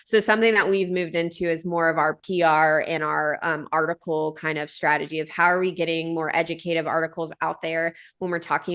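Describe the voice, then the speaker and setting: With a low voice and a fairly bright tone, this woman in her thirties, a founder guesting on a podcast, responds to questions earnestly and casually. She often uses fillers and starts her sentences over.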